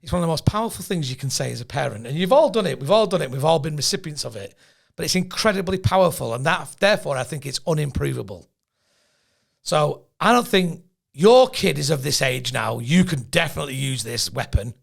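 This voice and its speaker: A man's voice: fairly high pitch, animated, a little fast, creaky. A middle-aged English man co-hosting a casual comedy podcast, jokey and laughing often. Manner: jokey, laughs a lot, does silly voices. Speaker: podcast co-host.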